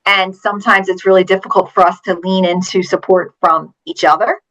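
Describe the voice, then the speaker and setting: A woman from Pennsylvania with a bright, clear-edged voice speaks as a guest teacher and author. She answers earnestly and tells stories from her classroom with emphatic stress. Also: fairly low pitch, steady tone, fairly quick, lo-fi sound. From Pennsylvania, USA. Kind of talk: interview answers.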